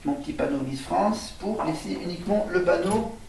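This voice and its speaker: This vlogger's voice is animated, creaky, a little mellow and slightly high, picked up from some distance by the camera mic in an echoey room with faint hiss. Filming a casual home vlog, he halts often, using fillers and restarts, and spells out words while writing on a board.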